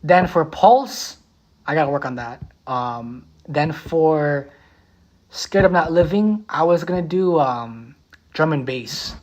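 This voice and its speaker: Beatboxer chatting on a livestream, talks real slow, hums little melodies, middle pitch. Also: animated, a little mellow. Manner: repeats titles slowly, hums melodies. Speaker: beatboxer and musician. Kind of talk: casual livestream chat.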